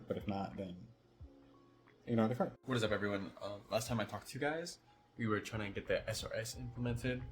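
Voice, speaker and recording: A young man talking casually to camera in a devlog, relaxed and rambling as he explains his work. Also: on the low side. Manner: relaxed, rambling, self-correcting. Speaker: vlogger and self-taught developer.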